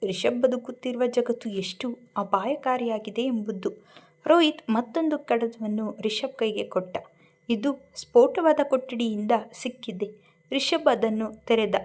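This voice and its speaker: Expressive female storyteller. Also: a little high. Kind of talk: scripted narration of a romance story.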